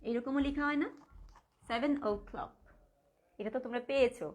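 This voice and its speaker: A primary school teacher with a Bangladeshi accent, giving a live online grammar lesson. She talks patiently, repeats words slowly and keeps asking the class questions. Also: on the high side.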